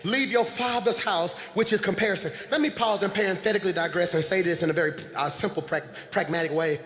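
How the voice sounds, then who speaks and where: Pastor guy, high voice, preaching loud then going quiet, big echoey church. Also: quick pace. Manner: preaching with call-and-response, swings from shouting to low confiding tones. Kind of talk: sermon. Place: large church sanctuary.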